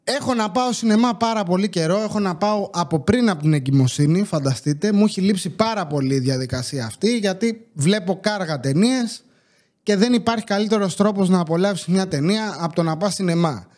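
A young man hosts a casual podcast from home, with a fairly high-pitched voice. He tells his story in an animated way and keeps jumping into the voices of the people in it. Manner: animated storytelling, acting out dialogue with shifting pitch. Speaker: podcast host.

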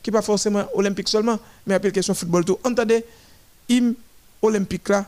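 A man giving running commentary on a parade of nations, listing them one by one with halting restarts. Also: high-pitched, steady tone, a little mellow.

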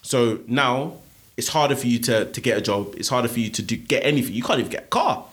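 London guy chatting casually, mid pitch, slangy, keeps checking you get him. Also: quick pace, a bit bright. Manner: urban slang, often checks listener understands. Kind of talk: casual chat.

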